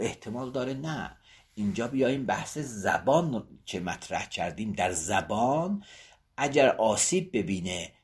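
Man, seminary lecturer, reads passages then explains them, lively rising and falling pitch, husky voice. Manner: repeats and rephrases points, with frequent pauses and "uh" fillers. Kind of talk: teaching a text on Islamic law.

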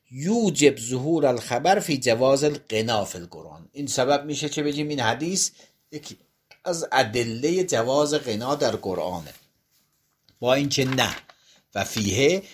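A man's voice: mid-range voice, slightly rough. A man teaching religious jurisprudence, reading a passage aloud and then explaining it phrase by phrase, often rephrasing and correcting himself as he goes. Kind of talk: classroom lecture.

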